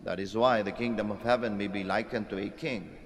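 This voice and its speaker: A man's voice: lowish voice, steady tone. Man reading in cathedral echo. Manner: measured, solemn proclamation. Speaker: priest reading the Gospel at Mass. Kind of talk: liturgical Gospel reading. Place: large church. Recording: long church hall reverb.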